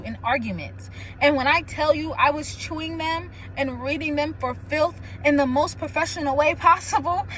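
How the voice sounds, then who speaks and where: A young woman hosting a casual solo chat, telling stories candidly with lots of "like" and quick laughs. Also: sits high, a little hiss or hum, low-quality recording. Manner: candid, animated storytelling with frequent "like" and laughs. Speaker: podcast host.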